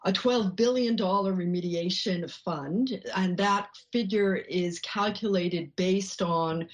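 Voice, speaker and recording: A woman researcher answering interview questions in a measured way, often pausing with "um" and "you know.". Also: medium pitch. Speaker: researcher guest.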